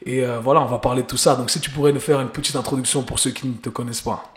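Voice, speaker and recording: This is a very fast-talking man hosting a laid-back podcast, his mid-range voice holding a steady tone while he slips English slang into the loose chatter. He comes from Geneva, Switzerland, and the room echoes noticeably.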